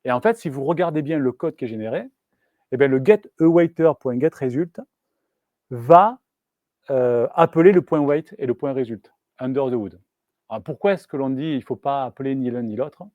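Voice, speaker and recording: A man giving a live software talk at a meetup, casual and hesitant, with many fillers and restarts. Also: mid-range voice, moderate pace, dry recording, highs cut off. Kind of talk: live technical presentation. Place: meetup room.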